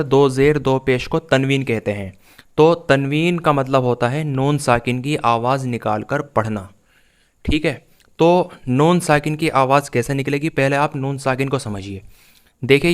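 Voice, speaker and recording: A man's voice: medium pitch, clean tone. A man teaching a reading lesson, patiently explaining step by step and repeating the sounds in drills. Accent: Pakistani Urdu.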